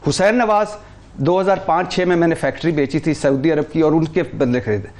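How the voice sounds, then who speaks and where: Man, fairly high voice, animated, talk show guest, many restarts. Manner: animated, lists names rapidly with restarts. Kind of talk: heated political talk.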